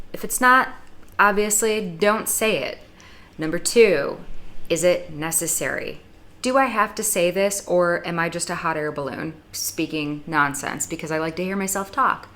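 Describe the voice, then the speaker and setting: Blunt, sarcastic woman with a low voice. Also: unhurried, a bit bright. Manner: blunt and sarcastic, with dramatic quoted asides. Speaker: YouTube vlogger. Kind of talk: casual opinionated monologue.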